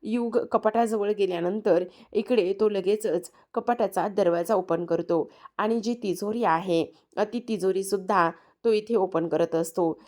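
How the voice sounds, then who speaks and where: A woman's voice: mid-range voice, measured pace, a little mellow. A woman narrating a TV serial episode recap, speaking straight to viewers and leaning on repeated filler words. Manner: addresses viewers directly, repetitive filler words.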